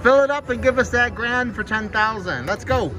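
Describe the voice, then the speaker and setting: A man hosting a slot machine video with excited live commentary, exclaiming and repeating his phrases. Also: very high voice, moderate pace. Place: indoors on a casino floor. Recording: loud music over voice, casino floor. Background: loud slot machine music.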